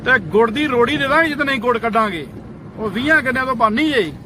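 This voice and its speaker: A man, scolding and threatening people away from his sugarcane field in a comic roadside rant, shouting repeated commands. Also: very high voice, fast. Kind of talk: comic outdoor rant to camera. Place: outdoors by a road near fields. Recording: noisy outdoor roadside recording.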